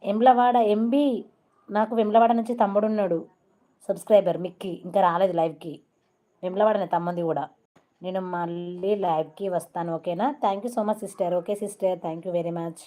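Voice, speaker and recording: Speaking fairly quickly with a mid-range, dark-toned voice and fairly even intonation, a Telangana woman chats on a casual live stream. She greets viewers by name in her Telangana Telugu accent, mixing in English phrases.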